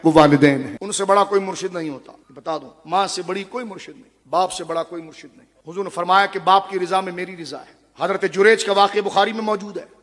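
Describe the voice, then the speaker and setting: A middle-aged male preacher with a high voice delivers a religious sermon in a large gathering hall. He tells the story with passion and turns often to his listeners, his bright, forceful voice dropping to a hush and rising again. A long reverb trails each phrase. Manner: impassioned storytelling, swinging between loud and hushed; addresses the audience directly.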